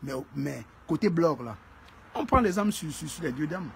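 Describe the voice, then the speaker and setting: Male live-stream host with a high-ish voice: emphatic, casual, chats to viewers and repeats himself for stress, faint background noise. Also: lively intonation, normal speed, vocal fry. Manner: greets and answers viewers by name.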